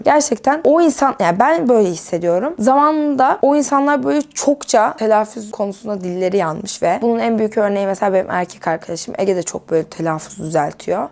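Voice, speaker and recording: A woman's voice: mid-range voice, gravelly, a little mellow. A young woman vlogging in a rambling, chatty stream of thought while she sorts her wardrobe, laughing often. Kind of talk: casual stream-of-consciousness chat.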